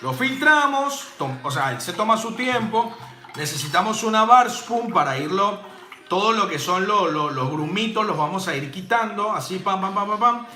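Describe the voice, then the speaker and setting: Bartending teacher, high voice, chatty and playful, roomy room with music behind. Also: male voice, expressive, normal speed, sharp tone. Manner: chatty and jokey, with playful sound effects and casual swearing. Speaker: bartending instructor. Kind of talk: casual live drink-making demo. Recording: roomy home space with music playing.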